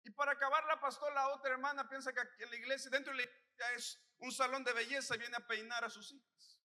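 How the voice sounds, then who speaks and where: A man's voice: extremely high pitch, little pitch movement, fast, bright, forceful tone, long reverb tail, pitched above the performer's own voice, heavily acted. A man voicing a cocky young male churchgoer who complains in a raised, whiny voice. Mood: complaining.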